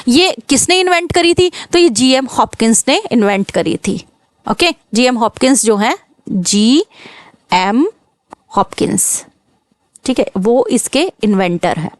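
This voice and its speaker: A woman teaching poetry for exam prep, explaining patiently, mixing English terms into her talk and reading quoted lines slowly. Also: high voice, lively intonation, dry recording. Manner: explains patiently, checks in with "ok" and "clear"; mixes English terms into Hindi. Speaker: literature teacher.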